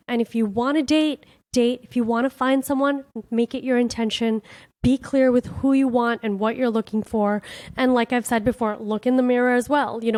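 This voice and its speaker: A woman's voice: on the high side, darkish tone, no echo, clean studio sound. A woman comedian hosting her own podcast, talking candidly and from the heart in a casual reflective monologue, full of "like" and "you know". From born in India, raised in Miami.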